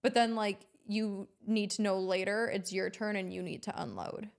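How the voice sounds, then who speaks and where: Woman podcast cohost, mid pitch, emphatic and supportive. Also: steady tone, normal speed, vocal fry, clear, resonant tone. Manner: emphatic and supportive, talks it through. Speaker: podcast co-host. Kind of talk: candid podcast conversation.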